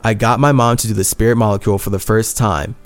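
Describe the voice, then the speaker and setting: A man's voice: on the low side, fairly even intonation, fast, soft background music. A man hosting a solo podcast monologue, talking in an earnest, intense way and repeating his phrases. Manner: earnest and intense, swings between heated and tender, repeats phrases. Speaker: podcast host.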